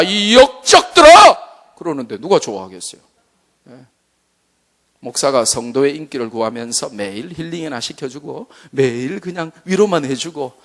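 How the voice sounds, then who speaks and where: A male pastor from Busan giving a humorous evangelism sermon at a church seminar, animated and full of jokes. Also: medium pitch. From Busan, South Korea. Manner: animated, joking, full of vivid asides.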